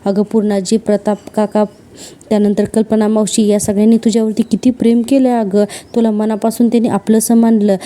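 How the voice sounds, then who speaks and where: A woman's voice: medium pitch, flat delivery, brisk, dark tone, lightly acted. A woman reading the lines of a young woman scolding a relative for her behavior. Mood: reproachful. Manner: scolding, reproachful. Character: reproachful young woman of the house.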